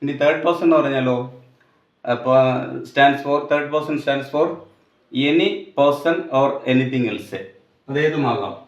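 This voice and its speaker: Slow Malayali-accented male grammar teacher. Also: mid-range voice. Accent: Malayali English. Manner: slow, deliberate explaining, mixing English terms into Malayalam. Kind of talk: grammar lesson. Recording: echoey room, dull lo-fi sound.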